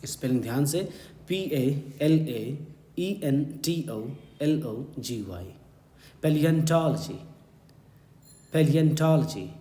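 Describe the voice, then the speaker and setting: Slow Indian man teaching vocabulary. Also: mid-range voice, expressive, dark tone. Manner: slow, spells words letter by letter and repeats them. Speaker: English teacher. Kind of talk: exam-prep vocabulary lesson. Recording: echoey room with faint hum.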